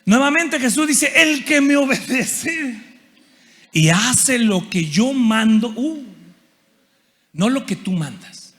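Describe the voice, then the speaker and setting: High-voiced man preaching in a reverberant hall. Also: slow pace. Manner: animated, asks the audience questions and acts out quotes. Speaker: conference preacher and Bible teacher. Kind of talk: lively sermon. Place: large church auditorium.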